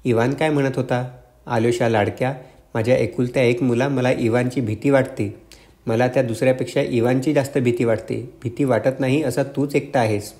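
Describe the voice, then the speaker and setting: Audiobook old dad, nervy and begging, sly, man doing it mid pitch. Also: fairly even intonation, moderate pace, dark tone, natural voice. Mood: anxious pleading. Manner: pleading, repetitive. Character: old father, fearful, wheedling, sly.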